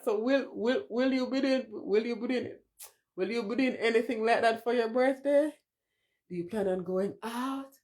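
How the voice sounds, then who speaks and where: Hosting a casual livestream, a woman in her forties with a Jamaican accent talks openly and emotionally in a mid-range, darkish voice. She answers viewers in the chat and slips into patois as she goes.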